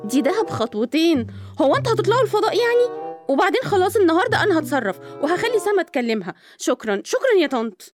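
A young Egyptian daughter who rattles off her lines at great speed, her high voice leaping up and down. She sounds exasperated but steady in a drama scene. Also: soft background music. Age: young adult. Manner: brisk, exasperated. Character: practical daughter calming her mother.

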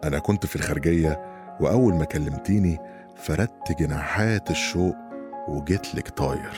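A man's voice: a bass voice, a little fast, over music. An actor with an Egyptian accent playing a middle-aged family friend who is teasing and flowery in his talk. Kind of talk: audio drama acting.

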